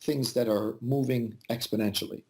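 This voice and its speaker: Man with a gravelly voice on a call. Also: mid-range voice, fairly even intonation, moderate pace. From Yugoslavia, raised in the United States. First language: Albanian. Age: 40s. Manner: thoughtful, with frequent fillers and restarts. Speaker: interview guest. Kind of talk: casual interview conversation. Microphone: video call.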